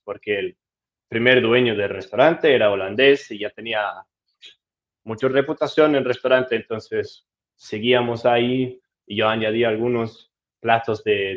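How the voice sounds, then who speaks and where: A Danish-born travel vlogger answers viewer questions in a casual live Q&A, switching between English and Spanish. He reads the comments aloud and replies in an easygoing, chatty way with small restarts, his voice at an ordinary middle pitch. The recording is a little dull and lo-fi.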